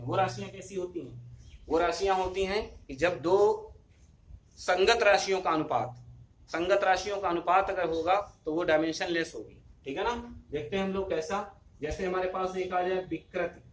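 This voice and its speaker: A man's voice: sits high, moderate pace. A man teaching a physics class, asking his students questions and answering them himself, calling them children. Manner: addresses students fondly as children. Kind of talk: classroom lecture. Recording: echoey room.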